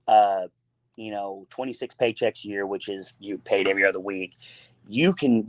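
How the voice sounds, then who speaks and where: A man with a low voice hosts a casual gaming talk show. He rambles and restarts, pressing his points with fillers and emphasis. The sound is dry and close. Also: darkish tone, no room sound. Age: adult with a son.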